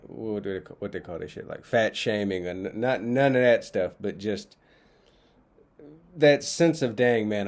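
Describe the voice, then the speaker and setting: A man's voice: medium pitch, a little mellow. A man chatting casually to his viewers from his kitchen, talking into a laptop mic in a loose, slangy, rambling way with lots of fillers. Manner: laid-back, slangy, rambling with many fillers. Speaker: vlogger. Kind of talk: casual chat to camera. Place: home kitchen. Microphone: laptop microphone.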